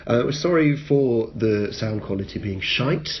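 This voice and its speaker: A man's voice: mid-range voice, animated, a little slow, lo-fi sound. A man co-hosting a podcast, chatting casually in a sweary, sarcastic way, recorded on a phone with poor sound quality. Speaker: podcast co-host. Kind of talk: casual banter. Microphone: iPhone.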